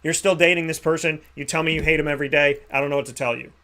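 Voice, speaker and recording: A man's voice: fairly high pitch, fairly even intonation, very fast, sharp tone. A man in his thirties hosting a talk show, giving an emphatic pep talk with repeated phrases. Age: 30s. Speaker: radio show host. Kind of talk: motivational monologue.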